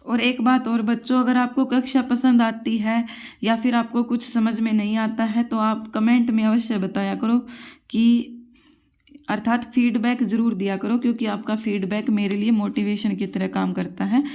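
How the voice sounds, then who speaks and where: A woman's voice: fairly high pitch, level tone, moderate pace, darkish tone. A woman teacher giving a Sanskrit grammar lesson for exam preparation. She repeats each rule, asks the class questions and calls her students children.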